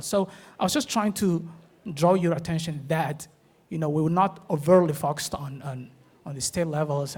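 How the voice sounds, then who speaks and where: Halting man from Somalia. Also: fairly high pitch, darkish tone, breathy edge. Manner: hesitant, many fillers and restarts. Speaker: forum participant. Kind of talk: panel discussion remarks.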